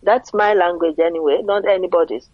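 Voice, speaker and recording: The audio sounds like a phone call, with no room sound, as a middle-aged Nigerian woman talks a little fast in a lowish voice. With her Nigerian accent, she speaks earnestly as a guest in a conversational interview and often asks rhetorical questions.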